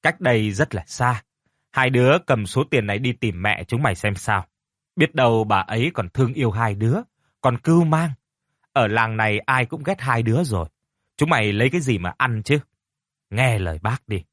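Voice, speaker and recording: Man voicing a fatherly old village chief, gruff, lively, dry close sound. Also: mid-range voice, normal speed, no echo. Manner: gruff, paternal.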